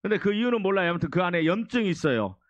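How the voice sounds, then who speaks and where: A man's voice: sits high, expressive, very fast, no room sound, lo-fi sound. A male pastor preaching a sermon with call-and-response, exhorting his congregation and prompting them to repeat after him and answer.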